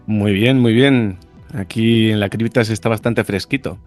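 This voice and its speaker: Lower-pitched Spanish male psychologist guest. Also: moderate pace, faint music behind. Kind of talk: casual explanatory interview talk.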